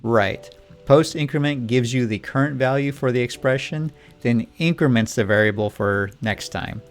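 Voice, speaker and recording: A man's voice: mid-range voice, moderate pace, faint music behind. A man teaching programming in a scripted lesson dialogue, patient and Socratic, asking questions to lead his student. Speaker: programming instructor.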